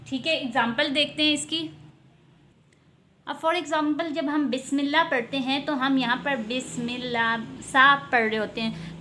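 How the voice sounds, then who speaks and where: A woman's voice: high voice, bright, forceful tone, a little hiss or hum. A woman teaching Quran pronunciation, explaining patiently and stretching out letter sounds to model them. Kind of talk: online tajweed lesson.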